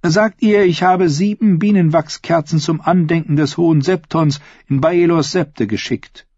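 A man's voice: fairly high pitch, unhurried, darkish tone, no room sound, voice pushed up. A man reading an audiobook and voicing a scheming, seductive queen in a silky, coaxing tone. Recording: slightly dull, dry recording.

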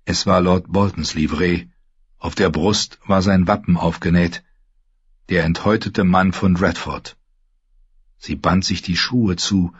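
A man narrating a story in a calm, measured storytelling manner. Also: deep voice, breathy edge, no room sound. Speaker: audiobook narrator. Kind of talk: scripted narration. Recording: dull lo-fi recording.

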